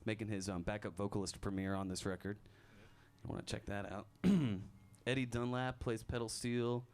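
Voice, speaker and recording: With a lowish voice and moderate pace, a male bandleader relaxes into a live radio studio chat, listing his bandmates with an easy chuckle. His band can be heard playing in the background.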